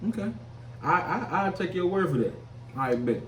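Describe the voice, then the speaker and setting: A man's voice: high voice, lively intonation, normal speed, a bit bright. A young man, hosting a casual chat in loose, joking slang. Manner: laid-back slangy talk, loose and joking. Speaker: podcast host. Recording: echoey room, off-mic, faint hiss.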